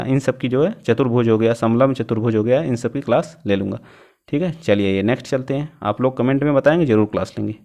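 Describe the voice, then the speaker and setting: A male math teacher giving an exam-prep lesson, who keeps asking the class questions and answering them himself, reading numbers out slowly as he works. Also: mid-range voice, a little mellow. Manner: reads out numbers slowly while working them out.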